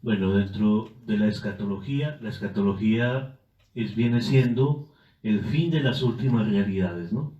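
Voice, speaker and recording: A man, a priest guest, explaining church doctrine in a measured way. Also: fairly low pitch. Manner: measured, with frequent filler tags and restarts. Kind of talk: catechetical explanation. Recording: echoey, dull-sounding room.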